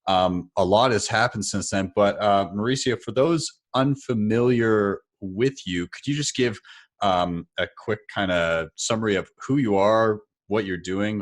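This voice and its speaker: A man in his thirties hosting an interview, upbeat and conversational, speaking from a home office into a studio mic. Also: low voice. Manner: upbeat, conversational, with filler words. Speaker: podcast host. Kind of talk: casual interview. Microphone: studio mic with headphones.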